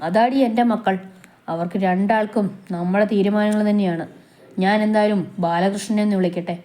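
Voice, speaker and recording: A middle-aged father, voiced by a woman storyteller speaks in a measured, firm way. He is the calm but stern head of his family. The voice keeps the reader's own warm, mellow tone. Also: medium pitch, close to an everyday voice.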